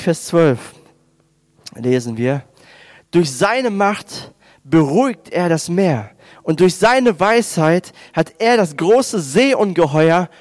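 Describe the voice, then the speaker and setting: A man's voice: high voice, no echo. A man preaching a baptism sermon, speaking the words of God and Jesus in raised, emphatic tones. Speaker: pastor.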